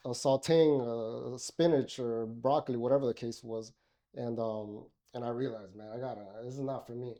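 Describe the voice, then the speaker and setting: Steady and mellow, the medium-pitched voice belongs to a middle-aged Miami, Florida native guesting on a podcast. He moves at a moderate pace through a relaxed interview conversation, with plenty of fillers and restarts.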